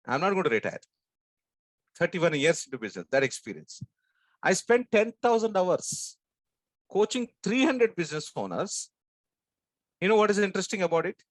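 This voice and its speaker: This is a man close to sixty with a strong Telugu-flavoured South Indian accent. His voice sits a little high and is recorded dry. He talks like a sales trainer, in short emphatic phrases, often putting questions to his listeners. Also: sing-song, normal speed, pauses often, dry recording. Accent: strong South Indian Andhra Telugu. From South India, Andhra. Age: 59, about sixty. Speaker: sales trainer and business coach. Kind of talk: motivational training talk to an audience.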